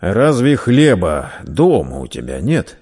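A man voicing a burly red-bearded merchant who scolds and mocks a young thief loudly. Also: lowish voice, huge pitch swings, slow, slightly rough, full character voice. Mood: mocking. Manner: loud, scolding, teasing.

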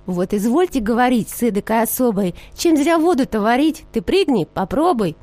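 An old, cracked teapot, as a woman reads him in a storybook tale. He hisses his sly, needling taunts in a mellow voice, close and dry. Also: fairly high pitch, sing-song, moderate pace, no echo. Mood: mocking. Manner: hissing, needling.

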